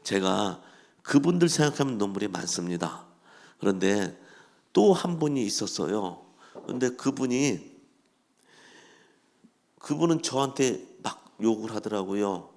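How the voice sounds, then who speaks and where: Tearful, gravelly male pastor preaching. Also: on the low side, expressive, a little slow, long pauses. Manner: tearful, swings between hushed and impassioned. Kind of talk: emotional sermon. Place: church sanctuary.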